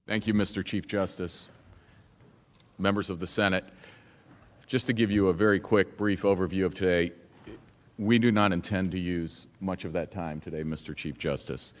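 Very deep-voiced man addressing a chamber. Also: fairly even intonation, normal speed. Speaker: lawyer addressing the Senate. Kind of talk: formal but plain procedural address. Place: large indoor legislative chamber. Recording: echoey hall.

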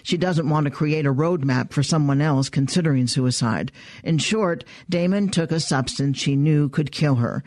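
A man reads a scripted radio news report in a measured, even way, his voice slightly high for a man. The sound is dry and close, with no room in it. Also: no room sound.

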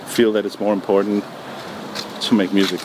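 A man answering interview questions in a relaxed, hesitant way, with many ums and restarts. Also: lowish voice, normal speed. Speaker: music producer guest. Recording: noisy background.

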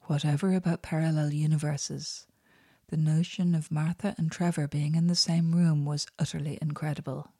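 Soft, low woman narrating. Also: level tone, slightly rough, dry recording, clean studio sound. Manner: soft, unhurried and intimate. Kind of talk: audiobook narration.

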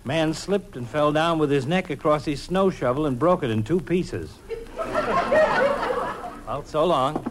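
A noisy old radio recording of a sardonic doctor. He slings dry, pompous insults in a highish, very lively voice, in comedy style. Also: slow pace, long pauses, full character voice. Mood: brisk, sardonic. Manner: dry, mocking, pompous wit. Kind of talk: 1940s-50s American radio comedy acting.

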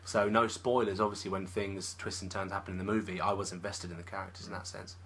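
A man's voice: sits low, level tone, fast talker, a bit bright, a little hiss or hum. A man co-hosting a film podcast, talking eagerly and thinking aloud in casual chat. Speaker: podcast co-host, film reviewer.

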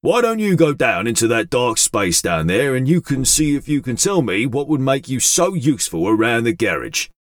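A man voicing a big, square, friendly male robot mechanic who speaks helpfully in a slightly lower voice. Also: very animated, moderate pace, hardly any pauses, dry recording, clean studio sound, natural voice.

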